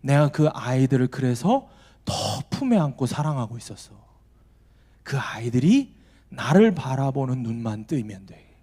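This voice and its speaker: A man, a preacher, voicing the gentle, fatherly voice of God that speaks to him in prayer, low and soft. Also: sing-song, moderate pace. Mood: tender.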